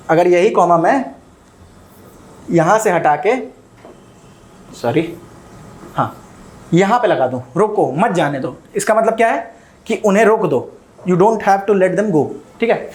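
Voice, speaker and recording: A man's voice: high voice, darkish tone. An Indian man teaching a recorded video lesson, mixing Hindi with English and often checking in with "ठीक है?". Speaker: coaching teacher.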